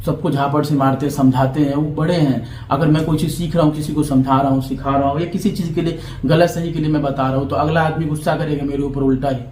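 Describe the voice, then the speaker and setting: Brief: young vlogger, defiant and lecturing, voice sits a bit high, echoey room. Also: male voice, dark tone, slight background noise. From Bihar, India. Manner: defiant and lecturing, keeps asking "understood?". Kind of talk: heated vlog monologue to camera.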